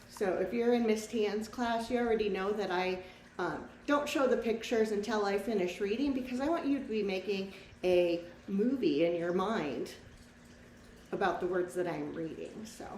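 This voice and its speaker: A teacher with a darkish, mid-range voice reads a children's picture book with feeling, breaking off for plain, casual comments to the class. The recording is distant and echoey, with faint background noise.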